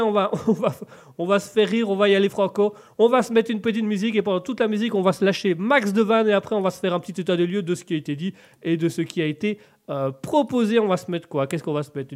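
A man with a cold hosting a live radio and Twitch show, upbeat, reading out viewers' chat comments. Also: high-pitched. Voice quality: congested, stuffy. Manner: upbeat, reads out chat comments, lots of restarts. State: has a cold.

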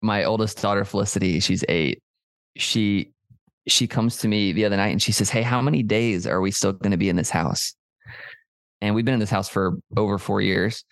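Gravelly earnest man. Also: fairly low pitch, no room sound. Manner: earnest, reflective, storytelling. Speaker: podcast co-host, pastor. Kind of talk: casual chat.

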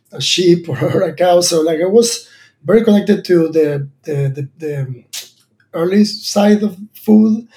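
A startup founder from Argentina in his thirties answers interview questions thoughtfully, with many fillers and restarts. His voice sits a little high and sounds mellow.

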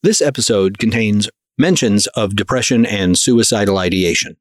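A man's voice: lowish voice, normal speed, no echo, clean studio sound. A man reading a scripted introduction as the announcer of an audio drama.

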